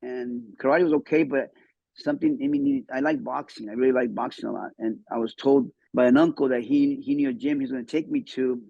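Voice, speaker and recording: A man's voice: medium pitch, creaky, no echo, highs cut off. A man in his fifties who grew up in Mexico, telling his life story as a podcast guest in a casual, repetitive way. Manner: fast, repeats words as he talks.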